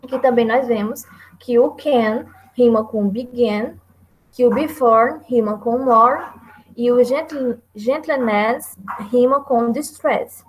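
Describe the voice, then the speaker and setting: A woman's voice: on the high side, slow pace, a little hiss or hum, poor audio. A woman with a Brazilian Portuguese accent giving a hesitant classroom presentation on poetry, full of fillers and restarts. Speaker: student presenter.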